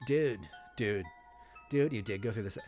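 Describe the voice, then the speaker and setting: Robotic deadpan teen boy, low flat drawl, machine-like, as a webcomic reader puts it on. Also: a little slow, faint music behind. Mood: impatient. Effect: flat robotic, machine-like delivery done by mouth. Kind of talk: reading a webcomic aloud with voices.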